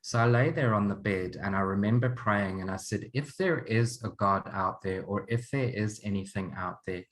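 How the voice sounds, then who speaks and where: A Zimbabwean counselor and program leader in his forties introduces an online course over a video call. His voice is on the low side at a moderate pace, and he comes across as earnest and open, chuckling often.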